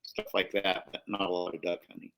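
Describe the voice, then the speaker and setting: A middle-aged man from Arizona, guesting on a podcast as an outfitter. His voice is low with a bright, forward edge. He chats in an easygoing, agreeable manner. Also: level tone, a little fast, gravelly, slight background noise. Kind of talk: casual chat.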